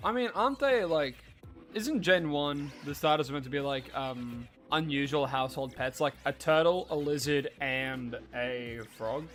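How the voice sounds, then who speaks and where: During a casual gaming live stream, a young man with allergy-induced nasal stuffiness chats with viewers and muses aloud using fillers. He speaks a little slowly in a fairly high, fairly bright voice. Faint music sits in the background.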